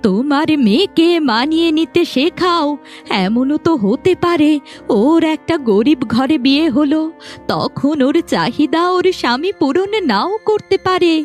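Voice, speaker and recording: Woman voicing a sharp-tongued scolding mother. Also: high-pitched, expressive, a little slow, faint music behind. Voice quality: scolding, quarrelsome. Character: sharp-tongued village mother, middle-aged. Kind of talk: cartoon voice acting.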